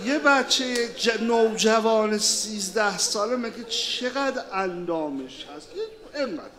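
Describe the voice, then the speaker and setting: High-voiced man preaching a fervent lament. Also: lively intonation, a crowd in the background. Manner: impassioned storytelling, fervent and lamenting. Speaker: mourning preacher. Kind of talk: mourning sermon narration.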